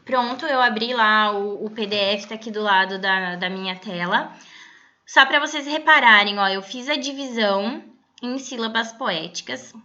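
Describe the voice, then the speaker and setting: A woman teacher giving a recorded online lesson, explaining patiently and reading verses slowly aloud. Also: a little high, bright, forceful tone, highs cut off.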